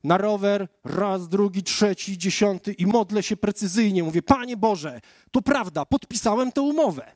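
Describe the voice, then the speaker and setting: A man's voice: high-pitched, moderate pace, darkish tone, no room sound, clean studio sound. A man preaching a conversational sermon, telling his own testimony as a story and speaking straight to the listeners. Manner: storytelling, addressing the listeners directly.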